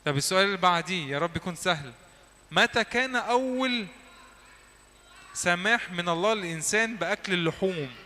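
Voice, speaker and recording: A man with an Egyptian Arabic accent teaching a church class, quizzing the listeners and repeating words slowly so they echo them back. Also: high voice, expressive, pushed and bright, slight background noise. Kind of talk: lively classroom teaching with drills. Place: church hall.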